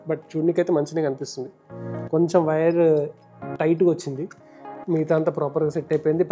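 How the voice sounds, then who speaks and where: An Indian motovlogger and host with a Telangana Telugu accent runs through a casual hands-on tutorial vlog very rapidly. His voice sits fairly high and leans mellow, and he explains each step conversationally over background music.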